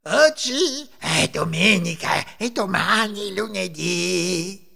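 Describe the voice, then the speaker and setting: An Italian man voicing a spiteful old female witch in a folk tale audio story, in a shrill, cackling voice. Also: wildly swooping pitch, takes it slowly, gravelly, pushed and bright, big-room sound, full character voice. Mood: furious.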